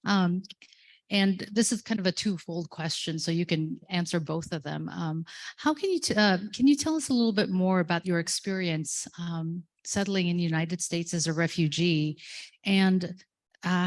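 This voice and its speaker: A woman moderating a conference panel, introducing the guests and asking questions with many hesitations. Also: on the low side.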